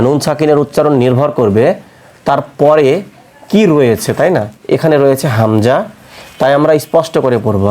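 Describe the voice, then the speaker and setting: Man teaching tajweed, mellow voice. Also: medium pitch. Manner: asks the class questions and answers them himself; spells out letters slowly and clearly. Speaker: Quran recitation teacher. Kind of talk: online tajweed lesson.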